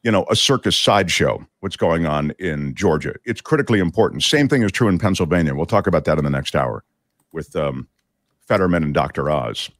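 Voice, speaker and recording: Casual male host, fairly low and very animated, dry booth sound, loose digressive delivery. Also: fairly quick, no room sound. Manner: chatty, digressive, many fillers. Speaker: talk show host. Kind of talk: casual political commentary.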